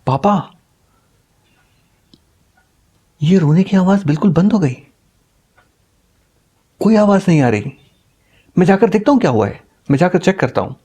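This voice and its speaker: A male storyteller voicing an anxious young son who talks in a hurried, insistent way. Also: mid-range voice, mellow, natural voice. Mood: excited.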